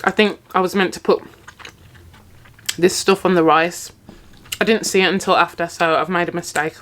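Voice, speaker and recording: A woman vlogger chatting casually to camera while eating, telling stories in an animated way with her mouth sometimes full. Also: lowish voice, normal speed, a little hiss or hum. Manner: animated storytelling, acting out quotes. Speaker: English teacher. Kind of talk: casual mukbang chat to camera.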